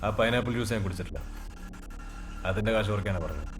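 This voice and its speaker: An actor playing a proud, short-tempered customer who argues curtly and quickly. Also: male voice, fairly low pitch, lively intonation, slight background noise, lightly acted. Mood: irritated. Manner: curt, rapid, irritated.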